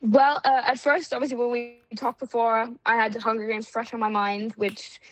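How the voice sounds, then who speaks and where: Relaxed woman podcast guest, dry sound. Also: on the high side, moderate pace, dry recording, rough recording. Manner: relaxed, hesitant, many ums and uhs. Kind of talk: casual podcast chat.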